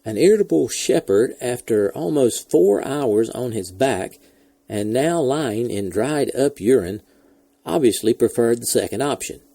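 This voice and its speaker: Gravelly man narrating history. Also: mid-range voice, dry recording. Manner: steady, measured storytelling. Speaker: podcast host.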